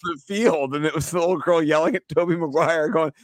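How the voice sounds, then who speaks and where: A man co-hosting a fantasy football podcast in casual chat, laughing often and turning animated when amused. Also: fairly high pitch, fairly quick, no room sound. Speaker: podcast co-host.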